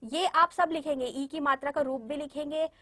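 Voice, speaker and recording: A woman teacher giving a recorded lesson to young children, slowly and patiently spelling words out syllable by syllable and encouraging them as she goes. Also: high-pitched, a bit bright. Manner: encouraging, addresses children directly. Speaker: primary school Hindi teacher.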